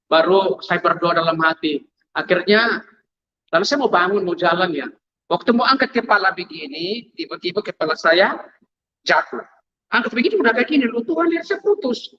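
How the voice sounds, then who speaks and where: A man's voice: sits high, animated, normal speed, long pauses, sharp tone, dull audio. A man telling his testimony to a congregation, storytelling vividly and acting out sounds. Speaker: testimony speaker.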